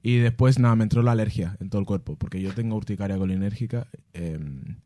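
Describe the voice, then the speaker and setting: A man, a musician answering fan questions in casual, animated storytelling, laughing and mimicking sounds and voices. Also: fairly low pitch, fast talker, no room sound, studio quality.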